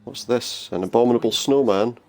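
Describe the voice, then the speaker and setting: A man's voice: medium pitch, a little fast, darkish tone, faint music behind. A man giving casual, wry let's play commentary, musing aloud as he goes. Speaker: game player commentator.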